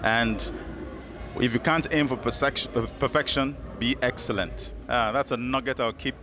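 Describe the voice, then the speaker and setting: A man's voice: medium pitch, steady tone, moderate pace, background noise. A man working as a casual event interviewer. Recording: music behind interview.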